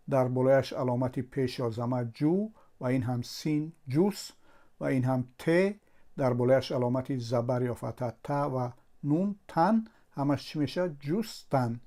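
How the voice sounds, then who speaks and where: A man with a mid-range, somewhat dark voice gives a slow spelling lesson. Patiently and methodically, he sounds out letters one at a time, builds each syllable step by step, and repeats the same patterns.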